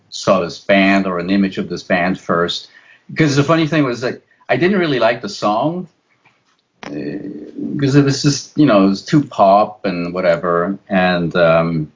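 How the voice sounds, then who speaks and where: Swiss man, fifties, low voice, rambling guest, dull lo-fi audio. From Switzerland. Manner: rambling, frequent restarts and stammers. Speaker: guest, graphic designer. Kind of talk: casual interview.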